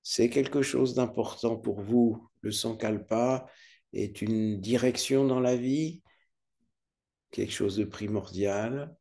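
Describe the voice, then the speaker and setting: A man guides a relaxation session in a mellow, relaxed voice of medium pitch. He speaks very slowly and calmly, leaving long pauses between short instructions. The delivery is soothing and unhurried, like a yoga nidra teacher. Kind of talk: guided meditation.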